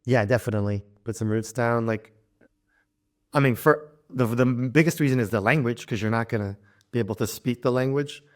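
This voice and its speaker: A young man from Louisiana, United States, with a mid-range voice, is an interview guest talking casually about travel and language learning. He's relaxed and halting, often restarting his sentences and laughing lightly.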